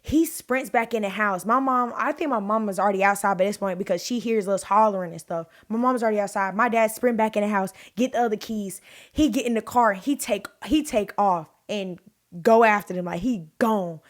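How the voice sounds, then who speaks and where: Young woman vlogger, mid pitch, chatty and animated in her storytime. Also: fairly quick. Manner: animated, many fillers, acts out quotes in a raised voice. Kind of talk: storytime, casual retelling.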